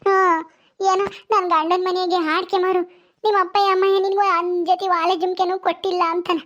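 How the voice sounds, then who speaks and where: A woman's voice: very high voice, level tone, fairly bright tone, lo-fi sound. A woman playing a tearful young village wife who pleads and pities herself, speaking. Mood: pleading. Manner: tearful, pleading, with many drawn-out "hmm"s.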